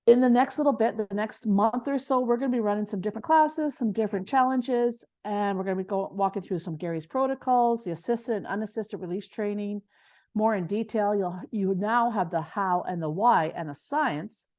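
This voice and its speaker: Woman co-teacher, mellow tone, passionate, rambling delivery with stumbles. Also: medium pitch, normal speed. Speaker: essential oils class co-teacher. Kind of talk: casual online class.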